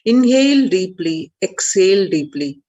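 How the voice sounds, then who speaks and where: A woman presenter giving a scripted announcement and then leading a guided meditation in a slow, measured, reverent way. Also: medium pitch, expressive, mellow, muffled recording.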